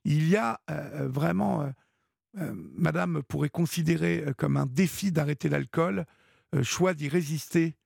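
Gravelly radio host with a husky voice. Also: male voice, a little high, measured pace, darkish tone, dry recording, studio quality. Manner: hesitant, many fillers, encouraging. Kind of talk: late-night call-in chat.

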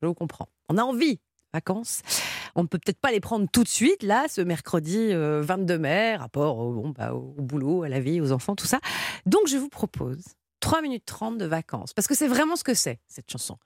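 A woman's voice: lowish voice, sing-song, moderate pace, a little mellow, no echo. A woman presenting a music show on live radio in a casual, informal, self-mocking way, close on a studio mic. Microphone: close studio broadcast mic.

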